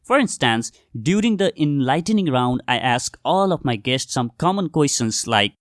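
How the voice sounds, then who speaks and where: Young man, mid-pitched, earnest solo podcast host talking to "guys", dry close sound. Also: big pitch swings, moderate pace, no echo. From Nepal. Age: young adult. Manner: earnest, addresses listeners directly as "guys". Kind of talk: scripted solo podcast monologue.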